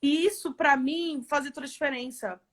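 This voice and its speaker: A woman executive as a guest in a live interview, telling stories in a lively way with frequent tag questions. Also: high-pitched, moderate pace. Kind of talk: casual live interview chat.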